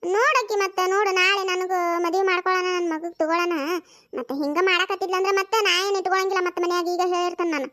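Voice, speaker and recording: A performer doing a squeaky, complaining cartoon aunt with a North Karnataka accent. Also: fairly even intonation, fast, pushed and bright. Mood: reproachful. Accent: North Karnataka Kannada. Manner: complaining, lecturing tone.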